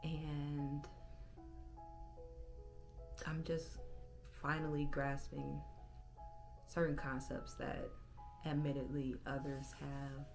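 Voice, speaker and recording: A woman in her thirties, hosting her own channel, talks reflectively from her bedroom in a halting, self-correcting way. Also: low-pitched, little pitch movement, over music. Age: 30s. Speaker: channel host. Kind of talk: personal vlog monologue.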